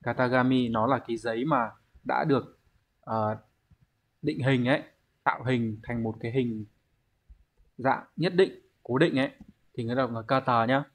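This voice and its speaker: A man teaches an online exam-prep lesson. His pitch sits at an ordinary middle level as he patiently walks through each point and poses questions to the students before answering them himself. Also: moderate pace, pauses often. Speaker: Japanese language teacher.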